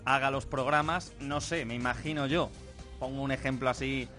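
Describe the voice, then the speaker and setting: A male sports journalist with a Castilian accent in casual studio chat. His medium-pitched voice is colloquial, wry and opinionated, with faint music behind. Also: fairly even intonation, moderate pace, sharp tone. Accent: Castilian Spanish.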